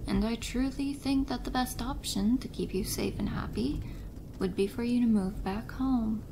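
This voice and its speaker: A woman playing a possessive, doting and controlling stepmother in an ASMR role-play drama, chiding in a deliberate, motherly way. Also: on the high side, lightly acted. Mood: tender, coaxing. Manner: slow, deliberate, softly chiding, maternal. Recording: noisy rain ambience behind voice. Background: rain.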